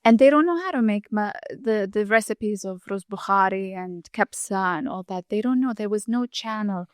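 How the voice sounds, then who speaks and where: Speaking in a smooth mid-range voice at a moderate pace, a Saudi Arabian chef and food blogger explains at length and earnestly during an interview, often restarting sentences. There's no echo, and the sound is clean studio quality.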